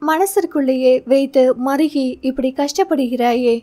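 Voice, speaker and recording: A woman's voice: high-pitched, a little slow, warm tone. A woman reading the part of a caring young female friend who keeps asking probing questions. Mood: coaxing. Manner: questioning, coaxing.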